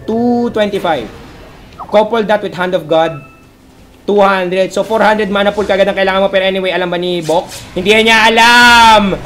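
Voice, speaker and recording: A Filipino man commentates an esports match in a high, light voice. He moves from relaxed breakdowns of the game to bursts of shouting, and he jokingly voices what the players might be saying. A faint hum of noise sits under the recording. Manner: switches fast between calm analysis and excited shouting, voices players' lines.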